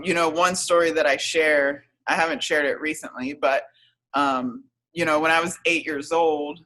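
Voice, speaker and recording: A woman in her thirties, a podcast guest telling her own story in a hesitant, reflective way with many pauses and fillers. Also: low voice, a bit bright, low-quality recording. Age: 30s. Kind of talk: casual interview storytelling.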